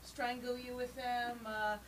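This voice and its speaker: A woman's voice: on the high side, little pitch movement, a little slow, far from the mic, slight background noise. A woman guest wrestler on a casual panel show, delivering theatrical, menacing taunts.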